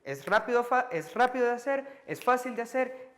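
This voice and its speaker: A man teaching a French lesson on video, explaining lively to his students and counting out examples on his fingers. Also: extremely high pitch, normal speed.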